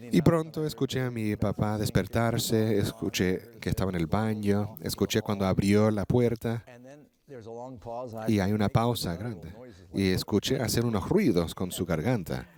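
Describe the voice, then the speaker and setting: A man interpreting a sermon live into Spanish, telling a story and preaching, with halting restarts as he keeps pace. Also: on the low side, a little mellow.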